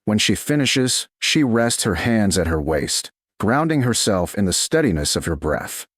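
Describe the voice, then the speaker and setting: A male narrator reads a romance audiobook slowly, softly, and deliberately, his low voice moving through a lively, melodic range. The recording is dry, close, and slightly rough, with no echo or audible room.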